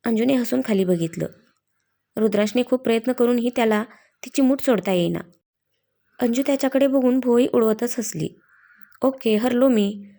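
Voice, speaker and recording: Female storyteller, slightly high, mellow tone, scripted narration. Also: fairly quick, creaky. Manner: reads all the dialogue in her own voice.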